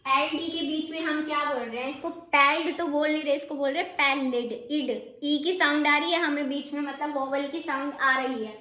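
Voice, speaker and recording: In an echoey room, a woman steno teacher casually explains shorthand rules, often posing rhetorical questions to her students, repeating them, then answering. Her high voice is bright and pushed, with fairly even intonation, a slightly fast pace, and few pauses.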